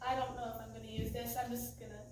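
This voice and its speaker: Speaking fast in a somewhat high but flat voice, a teenage student at a church youth group delivers a heartfelt, emotional testimony, laughing nervously between lines. The recording is very noisy, with a distant mic in an echoey room.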